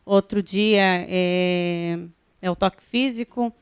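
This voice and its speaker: A Brazilian woman talks as a guest on a church television program in a smooth, clear voice. She speaks conversationally, often checking in with her listeners, and she is recorded close and dry. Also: lowish voice, slow pace, no room sound. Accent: Brazilian Portuguese. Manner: conversational, frequent "né" tags. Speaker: guest, pastor's wife. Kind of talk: church TV interview.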